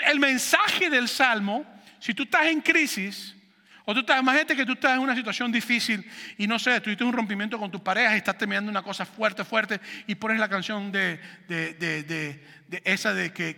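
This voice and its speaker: A male pastor, preaching a sermon and swinging between loud passages and hushed ones. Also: sits high, fairly even intonation, normal speed, vocal fry. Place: church sanctuary. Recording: echoey church hall.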